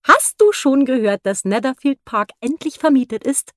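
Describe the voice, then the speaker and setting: A woman voicing an excitable, gossipy middle-aged mother who speaks in a shrill, eager, exclamatory way. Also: normal speed, no room sound, clean studio sound.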